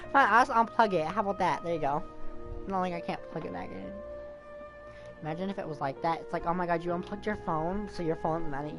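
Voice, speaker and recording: A woman streams a game live, keeping up chatty, slang-heavy commentary and frequently addressing the game itself. Her voice is mid-range and fairly bright, with video game music playing behind it.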